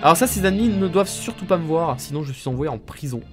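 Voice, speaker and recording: A man streaming a video game live, joking and reacting excitably to it, recorded on a studio streaming mic. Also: a little high, fast. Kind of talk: live gaming stream commentary. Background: game music.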